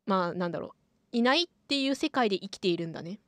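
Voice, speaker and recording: A young woman plays a tabletop role-play, reasoning aloud. Her mid-pitched voice is measured and deliberative, picked up close and dry in a studio. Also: expressive, a bit bright, dry recording. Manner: measured, deliberative, feeling for words. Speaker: tabletop game player. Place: small padded studio room. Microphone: close studio microphone on boom arm.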